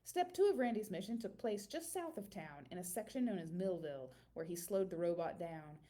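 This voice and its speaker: Reading aloud from a kids' picture book, this lowish-voiced woman brings the story to life with theatrical stress and long, drawn-out words.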